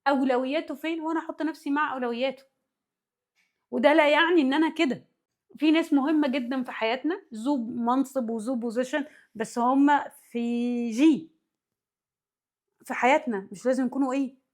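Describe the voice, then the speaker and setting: Fast-talking Egyptian woman teaching. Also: sits high. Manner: often checks that listeners follow; walks through worked examples. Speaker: psychology teacher. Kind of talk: spoken lesson.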